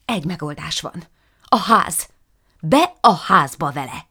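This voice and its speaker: A sensible storybook witch snaps out urgent orders, suddenly high and loud, as a woman reading the tale puts her on. Beneath the raised pitch there is still a gravelly edge. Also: animated, exaggerated voice. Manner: urgent, commanding.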